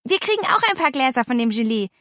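A woman voicing an excitable little girl with a big appetite, coaxing and eager in an audiobook. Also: very high-pitched, a little fast, no room sound, clean studio sound, pitched above the performer's own voice, exaggerated voice.

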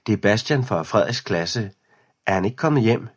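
A man's voice: lowish voice, lively intonation, husky. Man playing a hesitant, nervous schoolboy. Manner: hesitant, easily embarrassed.

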